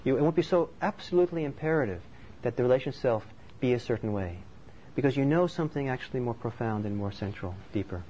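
The Norwegian meditation teacher moves quickly through his thoughtful, conversational dharma talk with hardly any pauses, his medium-pitched voice animated and mellow. Faint background noise underlies a slightly dull recording.

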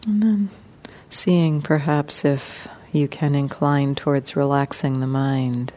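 Guiding a meditation, this woman teacher speaks slowly and gently, setting short phrases apart with long pauses. Her voice is low and her tone steady.

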